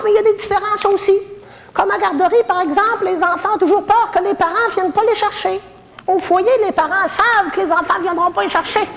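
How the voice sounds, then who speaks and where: Her pitch sits extremely high and gravelly, recorded with a big-room sound and a slight hiss or hum. She's a Québécois-accented woman doing a comedy monologue as a naughty retirement-home granny full of racy, gossipy jokes at her own expense.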